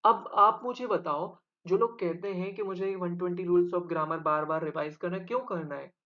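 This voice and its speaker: A man's voice: sits high, steady tone, moderate pace, lo-fi sound. A man teaching an exam-prep English grammar lesson, explaining step by step and quizzing his viewers with rhetorical questions.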